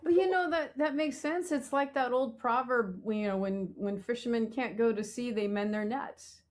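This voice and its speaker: A woman hosting an interview, encouraging her guest and quick to laugh and agree. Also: a little high. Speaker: podcast host. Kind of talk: casual interview conversation.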